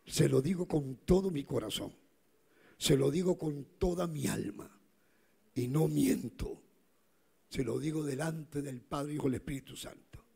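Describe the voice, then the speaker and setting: A middle-aged male pastor preaching a sermon, swinging from fervent shouts to hushed storytelling. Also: on the high side, a little slow, creaky, husky. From South America.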